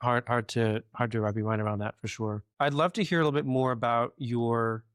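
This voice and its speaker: Male interview host, medium pitch, measured conversational delivery, rewording as he goes, dry recording. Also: steady tone, clear, resonant tone, no echo.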